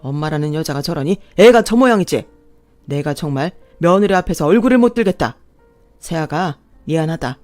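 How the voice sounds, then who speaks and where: A performer voicing an older father-in-law who speaks slowly and gravely, full of remorse, in a radio drama. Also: fairly high pitch, expressive, a little mellow, no echo, faint music behind, close to an everyday voice. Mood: remorseful. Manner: slow, grave, apologetic.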